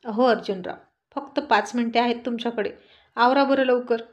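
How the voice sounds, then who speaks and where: A woman's voice: on the high side, brisk, highs cut off, lightly acted. A woman voicing a tired, affectionate young wife and mother in a storybook reading, scolding her husband fondly. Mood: playful.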